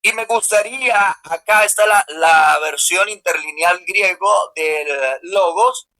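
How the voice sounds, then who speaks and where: Bright, high-voiced halting pastor. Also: male voice, low-quality recording. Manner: halting, fumbles with his camera and restarts words. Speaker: pastor in a debate. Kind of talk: online religious debate. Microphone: video call.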